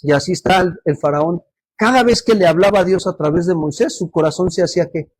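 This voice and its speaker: A man's voice: sits high, brisk, husky, no echo. A man preaching a sermon as pastor, often putting questions to the congregation for them to answer. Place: church service.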